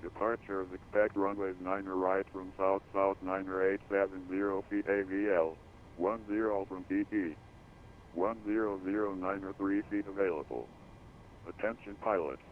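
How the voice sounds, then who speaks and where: A man's voice reading an automated airport weather broadcast over the radio, in a flat, clipped way through codes and numbers. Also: sits low, moderate pace. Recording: tinny radio band over faint hiss.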